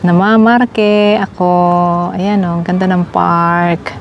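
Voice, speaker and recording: Middle-aged Filipina vlogger, casual walk-and-talk to camera, chatty and direct, outdoors with faint traffic behind. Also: female voice, fairly low pitch, steady tone, takes it slowly, highs cut off. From Philippines. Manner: chatty, addresses viewers as guys. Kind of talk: casual walking vlog. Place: outdoors in a park.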